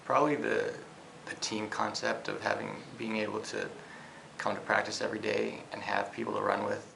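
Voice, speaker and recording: A man's voice: lowish voice, flat delivery, moderate pace, creaky, fairly bright tone, a little hiss or hum, rough recording. A 21-year-old man, a college runner, giving brief, matter-of-fact interview answers. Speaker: college cross-country runner.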